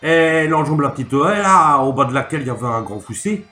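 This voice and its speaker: A man voicing a clumsy peasant man who rambles in thick country dialect, stammering and halting. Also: on the high side, animated, bright, forceful tone, voice pushed up. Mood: rambling. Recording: echoey room, faint music.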